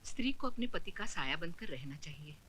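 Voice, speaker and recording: A woman's voice: low-pitched, animated, brisk, a bit bright, a little hiss or hum. An actress voicing a solemn inner voice that preaches a wife's duty to her husband, in a film scene. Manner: solemn, echoing, half-whispered. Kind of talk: Hindi film drama.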